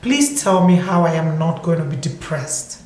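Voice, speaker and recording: A woman's voice: deep voice, animated, normal speed, a little mellow. A woman hosting a casual discussion, conversational and prompting her guest with questions. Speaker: host. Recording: very echoey room.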